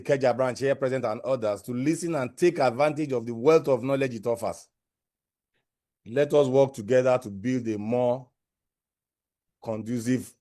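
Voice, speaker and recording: A Nigerian man delivers formal opening remarks as chairman of a lawyers' branch. His speech is measured and set out like a prepared address. His voice sits at an ordinary pitch and comes through a video call microphone. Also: warm tone.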